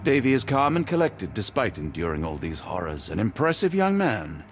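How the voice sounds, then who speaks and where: A man's voice: lowish voice, huge pitch swings, moderate pace, faint music behind. A man playing an earnest, decent doctor, a detective's loyal companion, in courteous, formal video game dialogue. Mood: kindly, reassuring. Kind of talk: dramatic mystery game dialogue.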